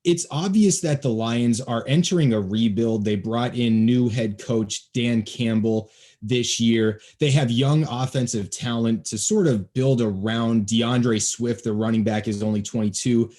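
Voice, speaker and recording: A man's voice: medium pitch, measured pace, warm tone. A young man hosting a casual football podcast from home, chatty and joking, on a podcast microphone. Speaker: podcast host. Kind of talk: casual sports podcast chat. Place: home, near Baltimore.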